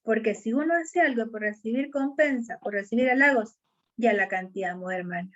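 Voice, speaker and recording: A woman preaches in an earnest, conversational way, speaking directly to her listeners as sisters. Her voice sits fairly high, and the recording sounds dull and muffled. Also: moderate pace, fairly bright tone. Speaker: preacher at a women's church meeting. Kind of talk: sermon.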